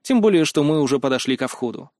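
A man reads a first-person fantasy novel in a steady, faintly wry storytelling voice. His pitch sits somewhat high for a man, and the recording is dry, close and free of room echo. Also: quick pace. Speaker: audiobook narrator.

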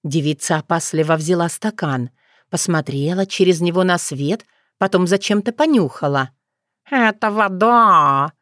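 A woman reading a fairy tale aloud in an expressive storytelling manner. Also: fairly low pitch, moderate pace, dry recording, studio quality. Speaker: audiobook narrator. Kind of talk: scripted fairy-tale narration.

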